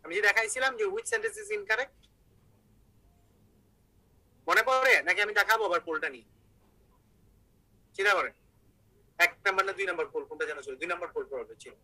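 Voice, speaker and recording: A man's voice: high-pitched, very animated, fairly quick, pauses often, pushed and bright, low-quality recording. A man teaching an online English grammar class, explaining step by step and asking his students questions.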